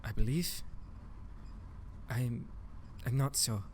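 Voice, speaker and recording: A man's voice: mid-range voice, slow, slight background noise. A man playing his character in a tabletop game, urgent and pleading, often stammering. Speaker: player. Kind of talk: in-character tabletop role-play.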